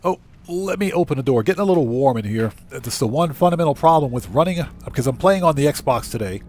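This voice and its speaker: Playing games live from a room at home, a man talks informally to his viewers, picking out chat messages to read and reply to. He speaks quickly in a mid-range voice with lively intonation and a darkish tone, with slight background noise present.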